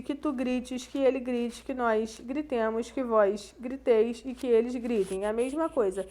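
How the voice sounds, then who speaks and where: Female teacher, high-pitched, patient and methodical, walking students through a lesson. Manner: patient, explains step by step to students. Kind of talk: recorded grammar lesson.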